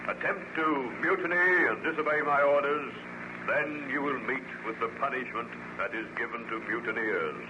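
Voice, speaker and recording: An actor playing a resolute, commanding ship captain with formal, declamatory authority in an old-time radio drama. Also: male voice, medium pitch, moderate pace, natural voice. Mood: stern, commanding. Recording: noisy old radio serial recording.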